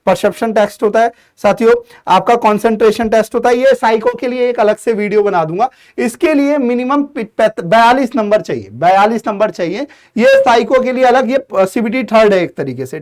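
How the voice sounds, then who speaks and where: A man teaching an exam-prep lesson in a casual, direct way. His voice sits high for a man and comes across smooth and clear. He talks to his students like a coach, with plenty of fillers and quick restarts. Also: a little mellow.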